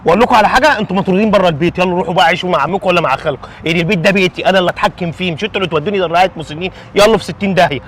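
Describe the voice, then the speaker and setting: A man playing a fast, gruff, scolding father. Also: high-pitched, a bit bright, a little hiss or hum. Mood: indignant. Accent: Egyptian Arabic. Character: stern, irritable middle-aged father.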